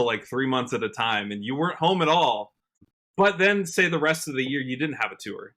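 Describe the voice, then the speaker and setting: Guesting on a laid-back podcast, this American country singer-songwriter from Washington state muses reflectively, working out his thoughts as he speaks. His voice is fairly low, pushed, and bright.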